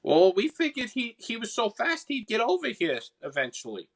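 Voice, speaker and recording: A man's voice: extremely high pitch, huge pitch swings, normal speed, fairly bright tone, pitched above the performer's own voice, exaggerated voice. A flighty young sprite , put on by a man, stammers and backpedals in a tabletop game. The voice sits well above a normal male register. It rises and falls with nervous energy. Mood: excuse-making. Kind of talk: tabletop game role-play.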